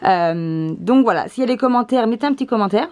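A woman's voice: fairly high pitch, animated, fast, darkish tone, slight background noise. A woman co-hosting a casual family vlog as the girl's parent, explaining things patiently with many hesitant fillers.

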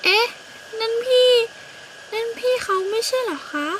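A woman's voice: extremely high pitch, little pitch movement, takes it slowly, sharp tone, a little hiss or hum, full character voice, poor audio. A woman voicing a small, thirsty female myna bird who pleads politely. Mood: surprised. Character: little girl myna bird, thirsty and sweet.

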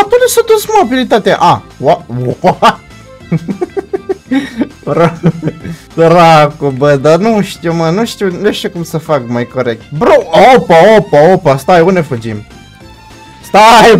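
A young man giving excited commentary over his own gameplay, shouting and laughing as fights swing and mixing in English slang. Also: fairly high pitch, faint music behind. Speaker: gaming YouTuber.

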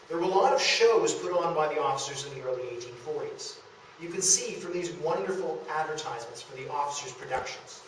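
A man who seems middle-aged tells history as a story alongside slides in a public lecture, acting out snippets of conversation. His pitch is fairly high. He's in a small lecture room at a historic house, recorded by a camera mic a few metres off, so the sound is very echoey with faint noise.

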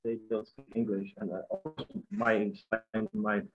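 A middle-aged musician with a Czech accent speaks earnestly as a guest on a webinar video call, repeating words as he goes. His voice is on the low side and a little slow, with faint music behind it. The laptop mic gives dull, lo-fi video call audio.

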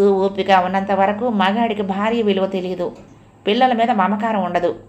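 This is scripted narration of a family novel by a woman audiobook narrator. She speaks at mid-range pitch with an even, measured storytelling style.

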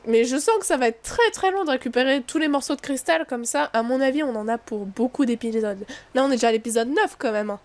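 Chatty young woman reading a game aloud. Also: high voice. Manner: expressive, chatty, quick exclamations. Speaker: let's play host. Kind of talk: reading a visual novel aloud with commentary.

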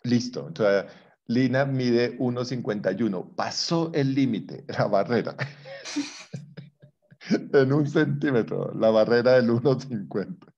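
A man's voice: mid-range voice, unhurried, warm tone, highs cut off. A man teaching a psychology class, explaining with playful examples and teasing his students. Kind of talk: online class lecture.

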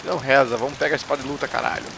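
A man commenting on a game he is playing, reading out its dialogue and getting loud and excitable during fights, often swearing. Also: medium pitch, rapid-fire, gravelly, noisy background. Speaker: gaming YouTuber. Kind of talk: let's play commentary.

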